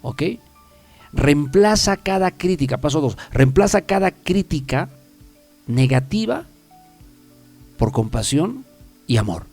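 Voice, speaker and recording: Man, self-help talk host, gravelly voice, emphatic, repeats himself, faint music underneath. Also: a little high, very animated, slow pace, long pauses, darkish tone. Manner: emphatic, repeats key phrases, laughs easily. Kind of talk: motivational talk show monologue.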